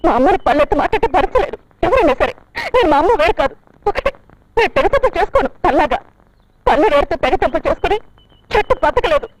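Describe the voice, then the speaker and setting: A woman's voice: very high-pitched, very animated, fast, a little hiss or hum, poor audio. A proud, defiant young woman. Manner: defiant, protective of her mother. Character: proud young woman defending her mother. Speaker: film character. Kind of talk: 1990s film dialogue.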